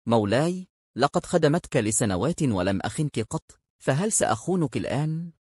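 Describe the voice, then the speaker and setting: A devoted, humble servant speaks in an earnest, pleading voice, as a man reads him aloud. The voice is husky, with a lively rise and fall. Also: mid-range voice, normal speed, no echo, studio quality.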